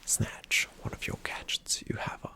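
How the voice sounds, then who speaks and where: In this whispered ASMR roleplay, a man plays a calm, attentive male spy agent briefing a partner. He gives hushed, deliberate instructions, his voice soft, breathy, and a touch creaky.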